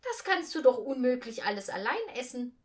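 An excited, astonished little boy , as a woman reading a story puts him on. His voice is high and bright, rising loudly whenever he protests. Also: moderate pace.

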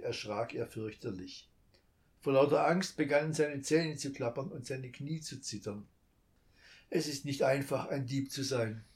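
A male storyteller reading a children's tale aloud, calm and measured. He speaks very slowly, in an even middle-pitched voice, pausing gently between phrases. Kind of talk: scripted story narration.

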